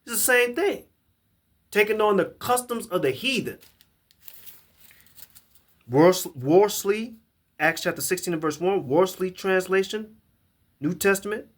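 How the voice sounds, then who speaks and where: A Bible teacher gives a scripture lesson to a camera, reading verses aloud emphatically and often repeating and restarting his words. His voice sits high and is expressive, unhurried, with long pauses.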